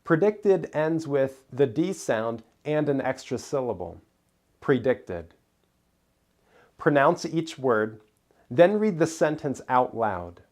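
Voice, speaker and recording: Male teacher, scripted lesson narration, slow and careful, mid-pitched. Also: lively intonation. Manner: careful, deliberate enunciation of single words. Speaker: English pronunciation teacher.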